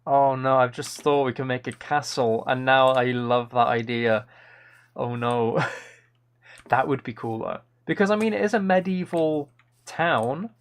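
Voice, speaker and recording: In casual gameplay stream chat, a man speaks in a mid-range voice with a steady tone and measured pace. He rambles enthusiastically, thinking aloud as he works through ideas, and the background has clear keyboard clicking.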